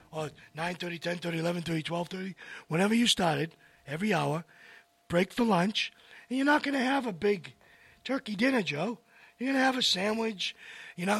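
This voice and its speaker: Man, bright tense tone, dry close sound, casual health talk, rambling asides. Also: high-pitched, slightly rough, no room sound. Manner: rambling, addresses folks directly, animated asides. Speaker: host.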